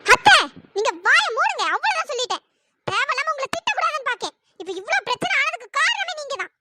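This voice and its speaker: Furious squeaky cartoon mother. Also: lively intonation, quick pace, very noisy. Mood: angry scolding. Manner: shouting, scolding. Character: furious scolding middle-aged mother, sharp-tongued. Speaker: angry aunt. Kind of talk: pitched-up cartoon voice acting.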